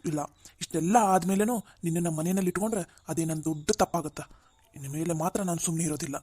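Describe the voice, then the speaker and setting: A man's voice: a little high, steady tone, fast, darkish tone, husky, no room sound. A man voicing a young adult son in a cartoon family drama, pleading with his family and then scolding his wife. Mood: angry.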